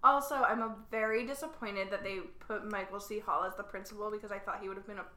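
A woman's voice: medium pitch, fairly even intonation, fast talker, bright, forceful tone. A woman co-hosting a casual chat. She talks in an offhand, opinionated way and often trails off mid-thought. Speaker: podcast co-host. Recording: echoey room.

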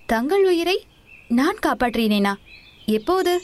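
A woman's voice: high voice, normal speed, lightly acted. A woman doing a teasing young male traveler. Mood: incredulous. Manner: mocking, inquisitive.

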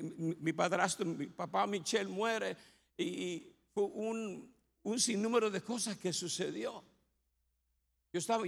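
Gravelly-voiced Puerto Rican pastor. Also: male voice, sits high, fairly bright tone. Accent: Puerto Rican Spanish. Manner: humorous storytelling with acted quotes. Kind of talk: testimony sermon. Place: church sanctuary. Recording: long hall reverb.

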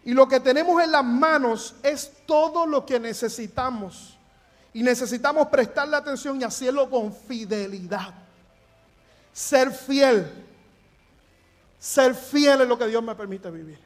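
A man's voice: very high voice, measured pace. A middle-aged man from Puerto Rico with a Puerto Rican Spanish accent, preaching a sermon as pastor in an earnest, emphatic way.

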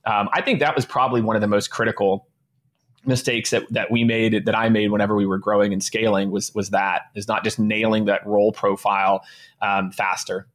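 A man's voice: fairly low pitch, flat delivery, a little fast, fairly bright tone. A man in his late thirties, a guest and sales leader, talking casually and upbeat in an interview with many restarts. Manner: casual and upbeat, heavy use of "you know" and restarts.

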